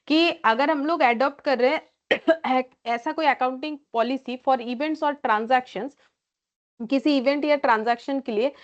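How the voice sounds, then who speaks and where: A woman teaching an accounting class. She reads English questions slowly and explains them in Hindi, often checking in with "theek hai". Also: sits high, muffled recording. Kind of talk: classroom lecture.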